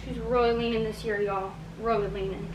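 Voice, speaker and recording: Young female vlogger, chatty and self-mocking, bit higher pitch, faint background ambience. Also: little pitch movement, fairly quick, background noise. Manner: chatty, self-deprecating, talks to herself while working. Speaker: lifestyle vlogger. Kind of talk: casual vlog voice-over and talk while cleaning. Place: apartment closet.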